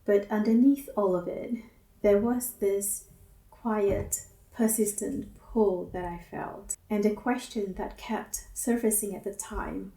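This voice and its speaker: Slow, mellow woman reflecting. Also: medium pitch. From Singapore. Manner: gentle, measured, introspective. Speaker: counselor and academic advisor. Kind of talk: reflective personal monologue. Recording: roomy echo, mic at a distance.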